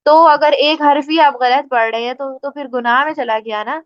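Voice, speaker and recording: A woman with a Pakistani Urdu accent, teaching Quran tajweed in a casual spoken lesson, explaining patiently and reciting examples slowly. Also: high-pitched, steady tone, no echo. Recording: dry, slightly muffled recording.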